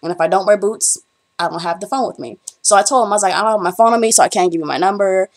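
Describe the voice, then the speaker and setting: Speaking at a racing pace with a medium-pitched voice, this young adult college student from the Bahamas tells rambling stories to the camera in a casual chat, peppered with frequent ums.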